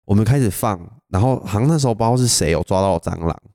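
Fast-talking young Taiwanese man, low mellow voice. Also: no room sound, clean studio sound. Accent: Taiwanese Mandarin. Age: young adult. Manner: animated storyteller, laughs often. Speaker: podcast co-host. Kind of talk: casual storytelling chat.

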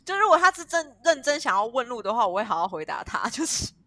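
Quick, playful young woman. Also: fairly high pitch, big pitch swings, bright, forceful tone, no room sound. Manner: playful, teasing, laughs often. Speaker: podcast co-host. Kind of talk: casual chat.

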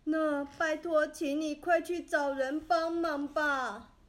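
A woman voicing a man trapped in a pit, shouting and pleading for rescue in a storybook reading. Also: high voice, steady tone, slow. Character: adult man stuck in a pit, calling for help.

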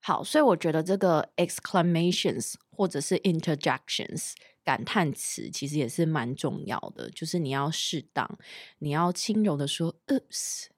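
A woman who teaches, telling a story in a casual chat. She is animated and slips English words into her speech. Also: low-pitched, moderate pace, no echo, studio quality.

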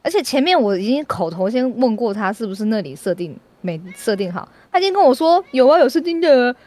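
A woman's voice: mid-range voice, big pitch swings, brisk, darkish tone. A woman, co-hosting a casual podcast and telling an exasperated office story while acting out the dialogue. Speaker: podcast co-host.

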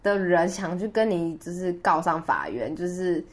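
A woman's voice: fairly low pitch, expressive, normal speed. A woman with a Taiwanese Mandarin accent talks casually as the co-host of a podcast. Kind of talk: casual chat.

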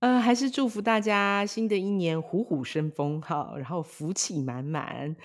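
Woman, foundation director, measured, soft "ha" tags, dry. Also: lowish voice, no room sound. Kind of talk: podcast interview.

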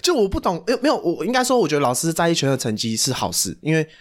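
Rapid-fire animated young man, Taiwanese accent. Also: a little high. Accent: Taiwanese Mandarin. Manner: animated storytelling, heavy slang and swearing. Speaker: podcast co-host. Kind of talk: casual chat.

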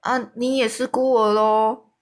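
Female storyteller doing a big friendly giant for a storybook: sentimental, weepy, high and strained. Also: little pitch movement, a little slow, lightly acted. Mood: gentle. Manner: exclaiming, sighing, tearful.

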